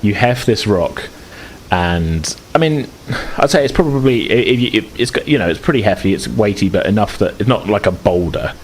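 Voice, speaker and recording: A game master with a very low-pitched voice narrates a tabletop session at normal speed, animated but loose and rambling, full of fillers and restarts. There's a faint noise under his speech.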